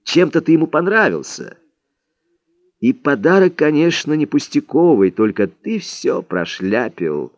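A man voicing a stern old male Indian sage who speaks slowly and emphatically, scolding his student. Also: on the high side, big pitch swings, dry recording, lo-fi sound, pitched above the performer's own voice.

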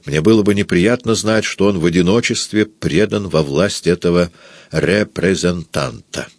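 A man narrating a literary novel for an audiobook in a measured, expressive manner. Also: deep voice, dry recording.

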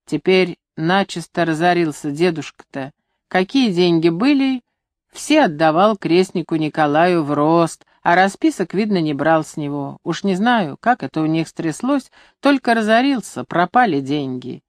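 Gentle, devout old grandmother, calm and low , as a woman reads her, dry sound. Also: normal speed, no room sound, natural voice. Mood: confiding.

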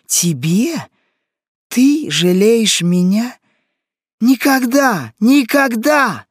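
A man's voice: on the high side, lively intonation, slow, husky, no echo, studio quality, heavily acted. A man reading an audiobook, voicing a frantic grieving old mother who shrieks and accuses. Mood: furious. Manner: shrieking, accusing, sobbing outbursts. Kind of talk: audiobook character voice.

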